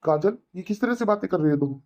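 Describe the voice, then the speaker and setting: A performer voicing an elder brother in a cartoon, calmly scolding and lecturing with a Hindi accent. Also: medium pitch, fast talker, close to an everyday voice. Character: reasonable elder brother, young married man. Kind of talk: cartoon voice acting.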